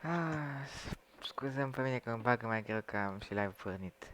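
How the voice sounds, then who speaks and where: A man chatting casually while livestreaming a shooter game, swearing loosely and shouting quick callouts. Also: medium pitch, animated, a little hiss or hum. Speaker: livestreaming gamer. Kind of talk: casual chat while gaming.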